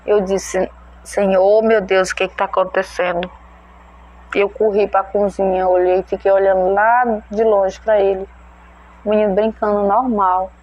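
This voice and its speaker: A woman's voice: mid-range voice, level tone, measured pace, a little mellow, lo-fi sound. A mother retelling a personal religious testimony, emotional and prayerful, often voicing her own prayers aloud. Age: adult mother. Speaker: testimony speaker.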